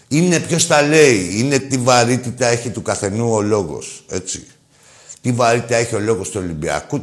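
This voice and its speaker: A man hosting a call-in show about football, with crude, mocking banter that swings from loud rants to low muttered asides.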